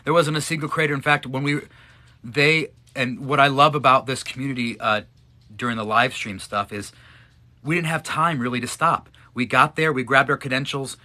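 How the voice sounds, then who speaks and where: A man's voice: mid-range voice, fairly even intonation, normal speed, pushed and bright. A man streamer chatting casually with his wife about an awards trip, emotional and choking up as he talks. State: tearful, choked up. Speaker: live streamer, one of a couple. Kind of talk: casual chat answering follower questions.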